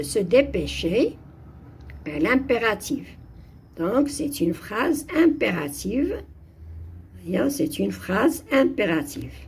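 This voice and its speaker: A woman slowly explaining French grammar exercises, switching between French and Arabic. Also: mid-range voice, slightly rough. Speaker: French teacher.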